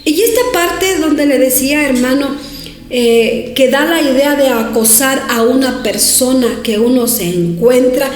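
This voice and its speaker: High-voiced woman pastor preaching slowly. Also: roomy sound, soft background music. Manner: emphatic preaching, repeating words, rising to shouts on prayers. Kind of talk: sermon. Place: church hall, streamed to viewers.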